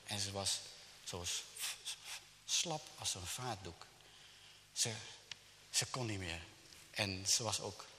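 A man slowly retelling a miracle story to a congregation, halting with restarts and vivid sound effects. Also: on the low side, pushed and bright. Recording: long hall reverb, faint background noise.

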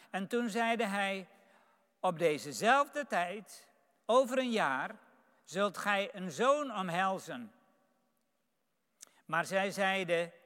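A man gives a sermon, reading scripture aloud slowly and carefully before reflecting on it. His voice is bright and smooth. The sound carries a long reverberation from a large hall. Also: high voice. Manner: reads scripture aloud, then comments warmly on it. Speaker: preacher. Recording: echoey hall.

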